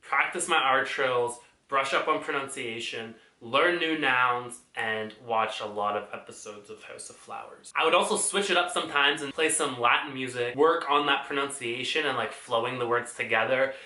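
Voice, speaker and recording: Bright-voiced chatty male vlogger. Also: mid-range voice, normal speed, few pauses, reverberant. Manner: chatty, playful, exaggerated outbursts. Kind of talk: casual vlog.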